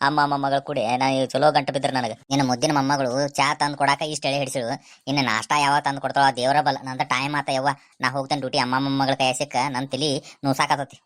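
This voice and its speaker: Speaking extremely low and very fast with a flat delivery, a woman with a North Karnataka Kannada accent acts as an exasperated, henpecked husband in a comedic skit, grumbling and issuing threats.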